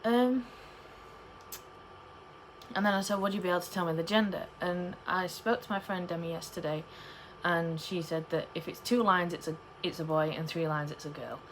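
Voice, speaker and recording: A woman's voice: lowish voice, fairly even intonation, moderate pace, slight background noise, low-quality recording. A young woman chatting casually to camera in a rambling, storytelling way. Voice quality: cannot pronounce P in the middle of words. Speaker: pregnancy vlogger.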